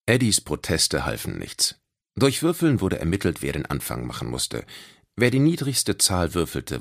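Deep-voiced male storyteller, very expressive. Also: gravelly. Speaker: narrator. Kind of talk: children's audiobook narration.

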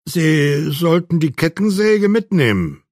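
A man's voice: on the high side, very animated, takes it slowly, darkish tone, no echo, clean studio sound, pitched above the performer's own voice. A man voicing a male police officer who hesitantly and formally delivers grim news, read in an audiobook. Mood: somber.

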